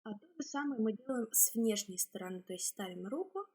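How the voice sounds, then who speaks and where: A woman speech therapist with a slightly husky voice explains exercises step by step in a halting, instructional way. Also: a little high, expressive, darkish tone.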